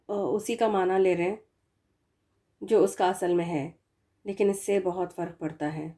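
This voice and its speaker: A woman teaching a recitation lesson, explaining patiently and stretching out the example words slowly. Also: medium pitch, darkish tone. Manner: patient explaining, slow drawn-out demo words. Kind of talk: tajweed lesson.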